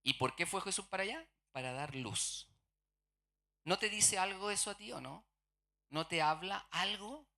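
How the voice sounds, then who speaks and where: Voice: mid-range voice, normal speed, sharp tone. A preacher, giving a sermon in a church and throwing rhetorical questions at the congregation before answering them.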